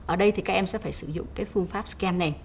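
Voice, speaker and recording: A woman with a Vietnamese accent, teaching English vocabulary on an educational TV lesson, saying English words slowly and clearly and explaining them more quickly. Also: lowish voice. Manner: slow clear English drills, quicker asides. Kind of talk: bilingual classroom lesson on TV.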